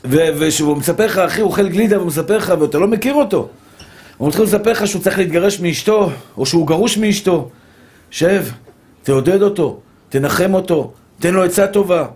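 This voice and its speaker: A rabbi with a notably high voice preaches to a room of listeners. He drives home each point by saying it again and again, and he keeps warmly calling the listeners his dear brothers. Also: slightly rough. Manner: emphatic, repetitive, addresses listeners as dear brothers. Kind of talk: Torah lesson to a live audience.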